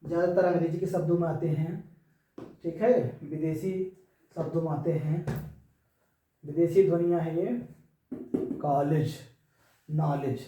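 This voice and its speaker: Male teacher with a high voice who quizzes the class and answers himself, recorded far off in a booming room. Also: steady tone, unhurried, pauses often, warm tone. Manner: repeats key terms, asks and answers his own questions. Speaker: Hindi teacher. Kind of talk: classroom lesson. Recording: very echoey room, far from mic.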